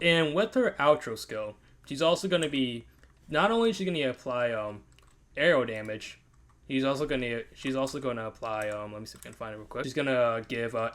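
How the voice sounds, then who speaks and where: Young male gaming creator, tired, quick delivery, rambling and self-correcting. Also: mid-range voice, fairly bright tone. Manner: rambling, self-correcting, frequent fillers and restarts. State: tired from staying up late. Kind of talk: casual commentary on a game livestream.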